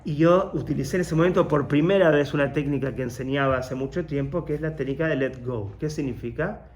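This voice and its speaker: A rabbi leads a workshop, a man with a slightly high voice who tells his story with energy. He jumps into the voices of the people he quotes, then falls back into a calmer teaching tone. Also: fairly quick, a little hiss or hum. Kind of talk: personal story in a motivational talk.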